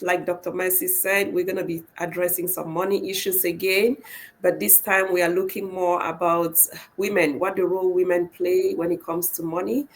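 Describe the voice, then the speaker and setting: A woman guesting on a podcast, hoarse from a cold, chatting in a relaxed way. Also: fairly low pitch, a little hiss or hum, rough recording. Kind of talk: casual chat.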